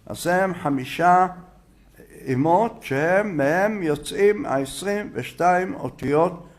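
A man with a high voice teaches a religious lesson. He sounds out letters one by one and repeats words to drive a point home, his tone animated throughout. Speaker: rabbi teaching a Torah lesson.

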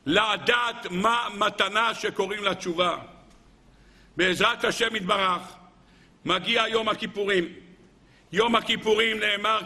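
A man delivers a sermon to a gathered audience, his voice gravelly and edged with fry. He keeps asking the listeners rhetorical questions and acts out short everyday dialogues. His tone is bright and sharp. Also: high voice. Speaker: religious lecturer.

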